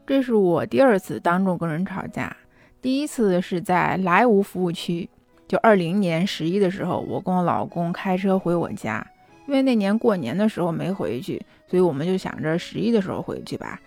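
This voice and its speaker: A young adult woman casually telling a personal story in a chatty, lively way. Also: on the low side, fairly quick, vocal fry, soft background music. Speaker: vlogger.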